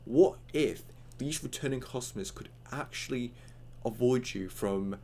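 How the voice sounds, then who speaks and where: A man's voice: mid-range voice, unhurried, creaky, warm tone, a little hiss or hum. A young man with hiccups giving a casual, rambling online tutorial, full of fillers and acted-out chat lines.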